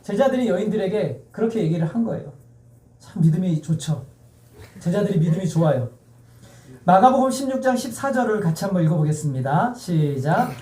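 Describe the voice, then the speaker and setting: A man's voice: sits high, lively intonation, brisk, mellow, slight background noise. Echoey distant male pastor preaching. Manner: emphatic, repetitive, asks the congregation questions. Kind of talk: sermon. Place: church sanctuary. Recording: echoey church sound heard from afar.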